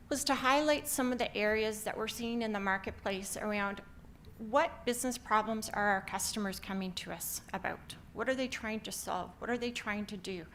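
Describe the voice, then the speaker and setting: A middle-aged Canadian woman who founded a company gives an upbeat conference presentation in her Canadian accent, using many filler ums. Her voice is medium-pitched and a bit bright, with a little hiss or hum in the background.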